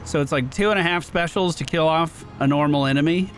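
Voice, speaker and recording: Talking a little fast in a fairly high voice, a man narrates his own gameplay with upbeat energy as he hosts a gaming video, with game music playing underneath.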